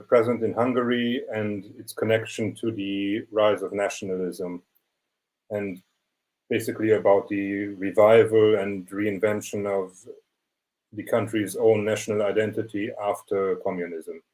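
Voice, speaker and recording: A young man presents his photography series in a measured, explanatory way. His voice sits fairly low. It comes through a video call. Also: fairly even intonation, a little mellow, poor audio. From Germany. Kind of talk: online portfolio presentation.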